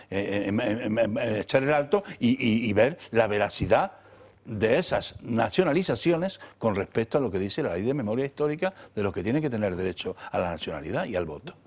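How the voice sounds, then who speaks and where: A man on a political panel, explaining a legal dispute in a measured way with some restarts. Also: on the low side, darkish tone. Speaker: political commentator.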